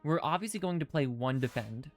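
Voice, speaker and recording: This streamer's voice is on the high side, animated and a little fast, with soft background music behind it. He plays a video game live, thinking through his moves aloud, chatting and reading out chat comments, while dental retainers slightly hamper his speech.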